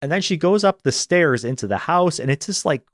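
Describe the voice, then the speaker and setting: Guy co-hosting a podcast, super animated voice, laughs a lot telling the plot. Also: fairly high pitch, brisk, dry recording, clean studio sound. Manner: animated storyteller, laughs often. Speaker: podcast co-host. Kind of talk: casual chat recapping a film.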